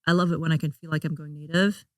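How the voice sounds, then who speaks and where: Interview guest, woman, lower than average pitch, chatty with plenty of fillers, close and dry. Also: flat delivery, fast talker, a little mellow, dry recording. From Hong Kong. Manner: chatty, laughs often, frequent fillers and restarts. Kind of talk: casual interview chat.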